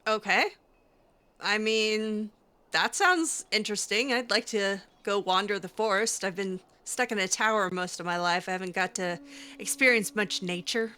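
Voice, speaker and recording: A gamer roleplaying a character gives casual, improvised commentary over a video game, chatty and playful but hesitant in how she talks. Her medium-pitched voice is bright, clean, and forceful, at a moderate pace.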